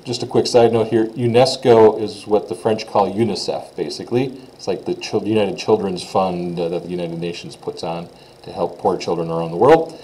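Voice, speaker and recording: A man's voice: deep voice, fairly even intonation, moderate pace, mellow, rough recording. A man teaching a casual recorded French lesson, talking informally with frequent "uh" fillers.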